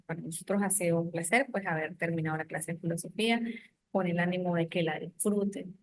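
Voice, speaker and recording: A middle-aged woman law professor giving a recorded online lecture, measured and deliberate, often restarting phrases and checking in with a rhetorical question. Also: lowish voice.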